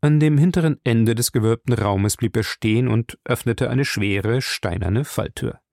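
A man narrating a novel in a measured, even storytelling voice. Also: medium pitch, creaky, dry recording, studio quality. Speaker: audiobook narrator. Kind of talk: scripted narration.

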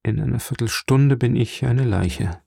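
A man reading a dying old priest, gravelly and low. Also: a little slow, mellow, dry recording, clean studio sound, full character voice. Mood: solemn. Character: dying old male priest, gentle and solemn. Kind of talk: audiobook character reading.

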